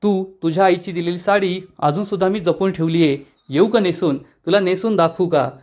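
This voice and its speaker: A man's voice: high-pitched, normal speed, a little mellow, natural voice. A man reading out the lines of a stubborn, teasing young village woman in a soap recap. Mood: pressing.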